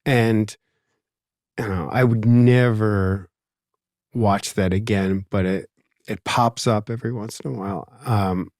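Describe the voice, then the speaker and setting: A man's voice: fairly low pitch, steady tone, slow, darkish tone, no echo, studio quality. A man with a Philadelphia accent, hosting a podcast in casual conversation, reflective and rambling with lots of asides. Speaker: podcast host.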